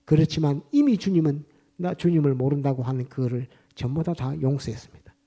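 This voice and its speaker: A man's voice: fairly high pitch, fairly quick, mellow. A man preaching a sermon in church as pastor, retelling scripture scenes vivdly and repeating his points with emphasis.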